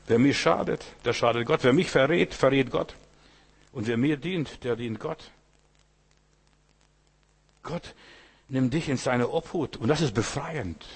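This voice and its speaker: Husky preacher man, emphatic sermon. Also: medium pitch, a little slow, pauses often. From Asia. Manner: repetitive, emphatic preaching with rhetorical questions to the listener.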